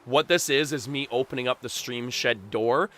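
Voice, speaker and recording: A man's voice: medium pitch, moderate pace, sharp tone. A boisterous, chatty man from Canada hosting a casual livestream, talking with his viewers. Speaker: live game streamer and host. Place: small backyard shed used as a streaming room.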